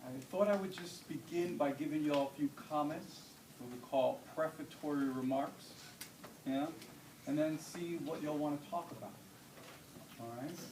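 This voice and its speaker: A man in his forties from the Dominican Republic chats easily with a room of students, often tossing in a questioning "yeah?". His voice sits a little high. It is caught by a far-off mic in an echoey, noisy hall. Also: normal speed. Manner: casual, conversational, often checks in with a questioning "yeah?". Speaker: guest speaker. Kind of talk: informal talk to students.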